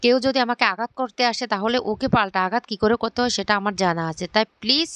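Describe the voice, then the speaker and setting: A woman's voice: on the high side, fast, a bit bright, smooth, no room sound, lightly acted. A woman voicing a defiant, protective young daughter-in-law who speaks in stern warnings, in a retold family drama.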